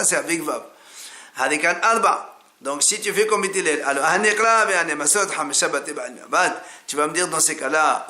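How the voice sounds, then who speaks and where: A man's voice: fairly high pitch, sharp tone. A man teaching a Talmud class in French, explaining each step and repeating key words as he addresses the listener directly. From France.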